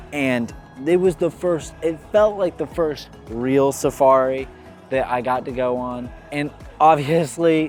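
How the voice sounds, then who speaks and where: A man's voice: mid-range voice, darkish tone. A man narrating his travel vlog in an enthusiastic, casual way, with a laugh now and then. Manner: enthusiastic, laughs while talking. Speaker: travel vlogger. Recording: faint music behind.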